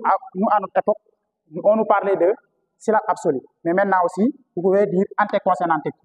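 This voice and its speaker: A male teacher with a Senegalese French accent lectures a class in a fairly high voice. He repeats key terms and puts questions to the students. The sound carries a long reverb. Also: dull audio. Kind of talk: classroom lecture on historical phonetics.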